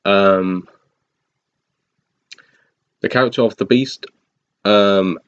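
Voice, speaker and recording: A man's voice: fairly low pitch, extremely slow, smooth. A man giving a casual spoken film review, rambling with frequent ums and restarts and the odd chuckle. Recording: dull lo-fi recording.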